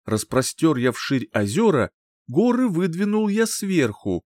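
A man voicing a boastful, hot-tempered young rival who boasts and rages in a shrill tone. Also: big pitch swings, a little mellow, dry recording. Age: young adult. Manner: boastful, shrill, quick to rage.

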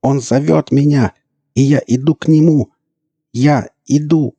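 A man voicing a crazed, fanatical male elf stalker who hisses and shrieks threats, his voice pitched well above the narrator's own. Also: fairly even intonation, measured pace, dark tone, breathy edge, long reverb tail. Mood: frenzied shouting.

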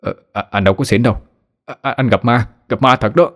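A man's voice: mid-range voice, lively intonation, quick pace, voice pushed up, lightly acted. A man voicing a frightened drunken husband who stammers and pleads with his wife.

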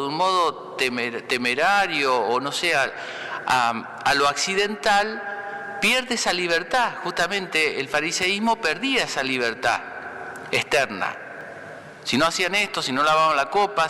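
A man, a priest, giving a conversational homily, often checking with listeners and pausing to restart phrases. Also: a little high, bright, forceful tone, big-room sound. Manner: conversational, asks "¿no?" for agreement; pauses and restarts mid-phrase. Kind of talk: spoken homily.

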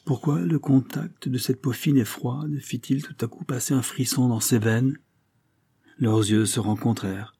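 A man reading a classic French novel aloud as an audiobook, in measured scripted narration. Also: mid-range voice, fairly even intonation, dark tone, husky. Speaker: audiobook reader.

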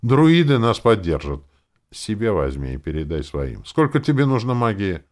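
Male narrator as confident male dark mage, dry and commanding. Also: on the low side, big pitch swings, normal speed, voice pushed up. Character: dry self-assured male dark mage casino owner.

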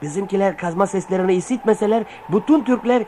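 An actor playing a grumbling, cynical old-world soldier in a radio play, talking in a colloquial way. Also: male voice, high-pitched, quick pace, mellow, slight background noise, natural voice. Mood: gossipy, awed. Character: grumbling, cynical Byzantine soldier who admires the enemy.

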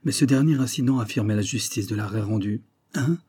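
A man reading a classic novel aloud in measured, even scripted narration. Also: on the low side, breathy edge. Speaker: audiobook reader.

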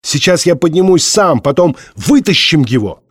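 A man voicing a brave young male leader who shouts urgent, commanding orders. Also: a little high, sing-song, moderate pace, husky, no echo, clean studio sound, voice pushed up.

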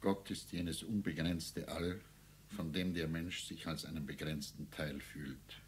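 A man's voice: very deep voice, steady tone, unhurried, a little hiss or hum. An actor playing a man at a sickbed who whispers urgently and then reads notes aloud solemnly in a radio play. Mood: reading. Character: hushed male confidant at a sickbed.

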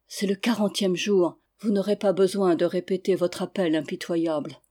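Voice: medium pitch, steady tone, normal speed, dark tone, lightly acted. A grieving duchess speaking through her tears. A reader voices her in an audiobook, close to the reading voice. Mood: tearful. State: crying. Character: tearful noble duchess.

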